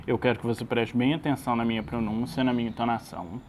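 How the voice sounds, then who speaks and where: A man's voice: mid-range voice, little pitch movement, fast, slight background noise, low-quality recording. A man teaching an English lesson, explaining patiently and checking that his student follows.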